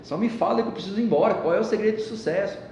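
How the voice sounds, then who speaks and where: Man doing a high, hot-headed young man. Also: very fast, darkish tone, recorded from a distance, close to an everyday voice. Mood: impatient. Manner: raised, high and strained. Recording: echoey hall with faint rumble.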